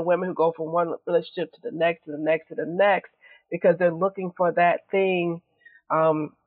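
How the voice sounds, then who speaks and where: A woman's voice: lowish voice, no echo. A woman hosting a discussion, affirming her guests and reflecting on their words with repeated phrases. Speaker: host. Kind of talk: talk show discussion. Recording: dry tinny phone-like audio.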